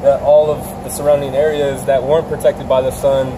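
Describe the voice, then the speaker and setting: A man in his thirties, a vinyl wrap installer, explaining his work in a relaxed, plain way in a large RV service shop. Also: mid-range voice, brisk. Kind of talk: casual interview answers. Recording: noisy shop background.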